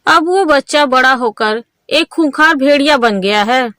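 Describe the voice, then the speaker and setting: A woman narrating a cartoon moral story in an even, storytelling manner. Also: high-pitched, unhurried, noisy background.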